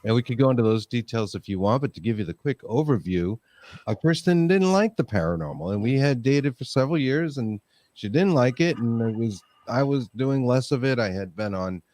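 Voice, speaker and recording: A man's voice: mid-range voice, expressive, fairly quick, a little mellow, dry recording. A man guesting on a talk show, a friendly and easygoing storyteller. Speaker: guest podcaster. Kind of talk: casual interview talk.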